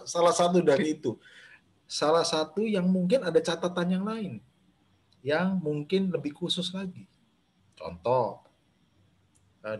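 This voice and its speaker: Man, pastor, Bible study, video call audio, chatty teaching, fillers and restarts, slightly high voice. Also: slight background noise. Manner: conversational, addresses listeners directly, many fillers and restarts. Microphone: video call microphone.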